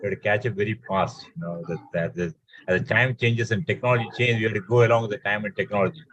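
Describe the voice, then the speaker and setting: A man with an Indian accent chatting casually as a webinar participant, halting and repeating his phrases. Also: lowish voice, fairly even intonation, a bit bright, rough recording. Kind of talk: casual chat. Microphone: online call.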